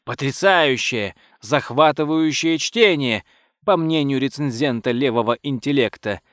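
A man voicing an excitable, cheeky young English gentleman in an audiobook, breezy and eager. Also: mid-range voice, measured pace, dry recording, studio quality. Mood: defiant. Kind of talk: audiobook character voice.

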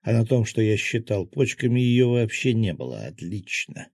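Man, very low voice, husky, first-person audiobook narration, terse, dry studio sound. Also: sing-song, normal speed, darkish tone, no echo. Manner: terse, dry inner monologue.

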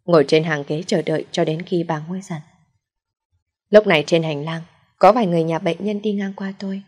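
A woman narrating a first-person audio story in a steady, plaintive way. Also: on the low side, a little fast.

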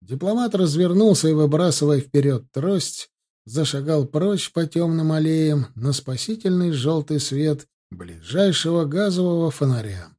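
Мужчина-чтец с мягким хрипловатым голосом. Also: male voice, fairly high pitch, lively intonation, dark tone. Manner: measured, literary. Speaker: audiobook narrator. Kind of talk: scripted narration.

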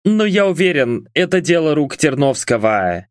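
A man's voice: fairly high pitch, big pitch swings, normal speed, no echo, studio quality, pitched above the performer's own voice. A man voicing a frightened male servant who pleads and mumbles in an audiobook.

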